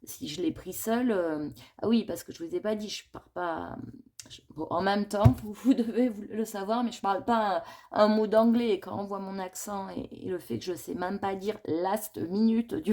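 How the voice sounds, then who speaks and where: A woman's voice: mid-range voice, moderate pace, dark tone. A woman chatting casually in a coloring vlog, thinking aloud in a rambling, confiding way and admitting her worries. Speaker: coloring vlogger.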